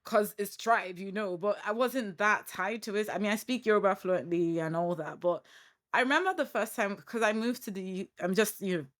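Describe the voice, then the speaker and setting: A young Nigerian woman hosting a podcast, speaking with a Nigerian accent. She tells her stories with animation, slipping into quoted asides, in a voice of middling pitch. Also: moderate pace. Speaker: podcast host. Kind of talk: casual interview chat.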